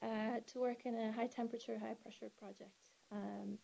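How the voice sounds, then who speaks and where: A woman's voice: on the high side, little pitch movement, normal speed, creaky, dark tone. A woman in her thirties from Venezuela, an engineering manager introducing herself over a video call with a hesitant, filler-heavy delivery. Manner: hesitant, many fillers and restarts. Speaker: wells engineering manager presenting remotely. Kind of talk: remote webinar self-introduction. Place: indoors, on a rainy evening. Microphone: video call link.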